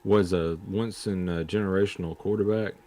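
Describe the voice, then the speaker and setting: A man's voice: low voice, steady tone, moderate pace, mellow. A man co-hosting a sports podcast in a jokey, casual way. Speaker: podcast co-host.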